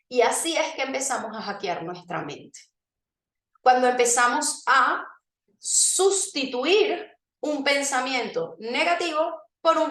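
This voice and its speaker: A woman's voice: sits high, a bit bright. A woman presenting a motivational workshop, speaking straight to her audience and leading them through exercises with frequent check-ins. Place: room with a live audience. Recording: echoey room, voice from a distance.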